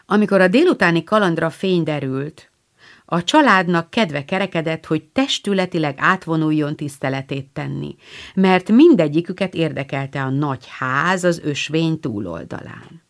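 A woman narrating a classic novel in a calm, even storytelling read. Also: deep voice. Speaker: audiobook narrator. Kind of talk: scripted narration.

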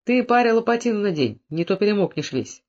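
A man's voice: sits high, big pitch swings, fast talker, darkish tone, highs cut off. A man reading aloud voices a poor, outspoken peasant who scolds bluntly. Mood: gentle.

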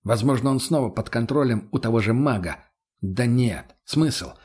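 Husky male audiobook narrator. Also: medium pitch, normal speed, a little mellow. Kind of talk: first-person audiobook narration.

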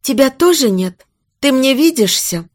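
A woman's voice: on the high side, animated, normal speed, natural voice. A woman voicing a frightened young woman who whispers in a trembling voice.

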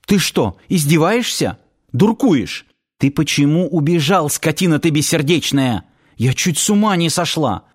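A man putting on a tearful, high-voiced young woman. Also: lively intonation, a little slow, breathy edge. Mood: scolding. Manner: high, emotional, scolding and sobbing.

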